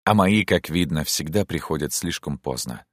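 A man's voice: very deep voice, expressive, moderate pace, fairly bright tone, no echo, clean studio sound, full character voice. A man reading an audiobook, voicing a lovesick young prince who pleads with emotion. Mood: pleading.

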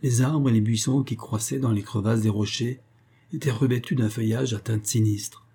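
Male audiobook narrator, dark and husky, measured storybook telling. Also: medium pitch, steady tone.

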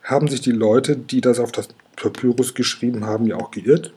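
A man voicing a thoughtful young dragon in a storybook reading, with a very husky voice. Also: mid-range voice, steady tone, brisk, a little mellow.

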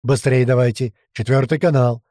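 A man voicing a brisk, bossy male squad leader who gives hurried, scolding orders. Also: medium pitch, fairly even intonation, mellow, dry recording, clean studio sound, close to an everyday voice. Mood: urgent commanding.

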